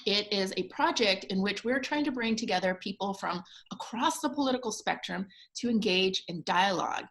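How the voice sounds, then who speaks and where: A woman hosting an online panel over a video call, chatty and excited, with frequent ums and restarts. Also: medium pitch, moderate pace, vocal fry. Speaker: host and organizer.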